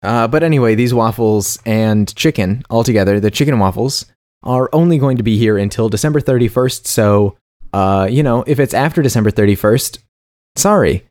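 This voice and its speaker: A man's voice: medium pitch, normal speed, a little mellow. A man co-hosting a casual comedy podcast, playful and mock-serious, reading food news and stumbling over tongue twisters. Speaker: podcast co-host.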